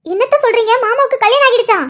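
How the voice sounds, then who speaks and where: A woman's voice: very high voice, racing, a bit bright. A woman voicing a cheerful, chatty young niece in a cartoon drama, reassuring and laughing.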